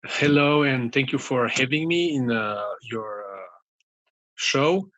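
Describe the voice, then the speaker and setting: Bright, halting Romanian-accented man. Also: medium pitch, expressive, no echo, dull audio. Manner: halting, many fillers and restarts. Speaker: guest pianist. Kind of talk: interview answers.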